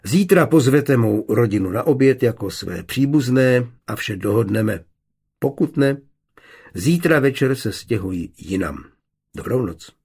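A shrewd young glassmaker bargains coolly and confidently, as a man reads him. His voice is gravelly and a little husky, in an audiobook reading. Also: mid-range voice. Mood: calm. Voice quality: calm, measured.

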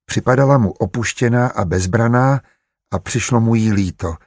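A man reading a historical novel aloud in an even, measured narration. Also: medium pitch, no room sound, clean studio sound. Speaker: audiobook narrator. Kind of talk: scripted narration.

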